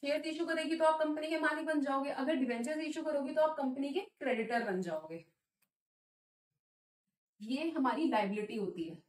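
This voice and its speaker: A woman teaching a commerce lesson. She asks the class questions, answers them herself, and reads English definitions slowly. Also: high-pitched. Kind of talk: classroom lecture. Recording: echoey room, a little distant.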